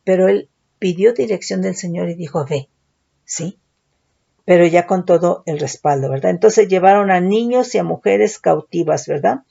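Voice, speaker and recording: A woman's voice: fairly low pitch, normal speed, creaky, dark tone, highs cut off. A woman teaching a Bible study, reading verses aloud and explaining them, often checking in with her listeners.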